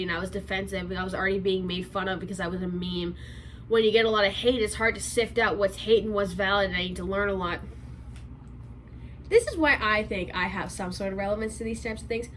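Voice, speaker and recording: A twenty-year-old woman giving a sarcastic commentary vlog, rambling fast and correcting herself as she goes. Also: mid-range voice, fairly bright tone, slight background noise, poor audio. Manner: sarcastic, rapid rambling with restarts. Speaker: commentary YouTuber.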